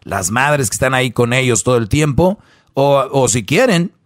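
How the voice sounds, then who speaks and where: A man's voice: mid-range voice, expressive, moderate pace, dry recording, clean studio sound. A man hosting a radio advice show, talking conversationally and opinionatedly, repeating points and posing rhetorical questions.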